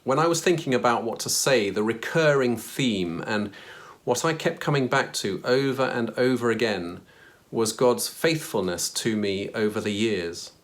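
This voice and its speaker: A man's voice: mid-range voice, moderate pace. A man from Kenya giving an earnest, reflective personal faith testimony to his church.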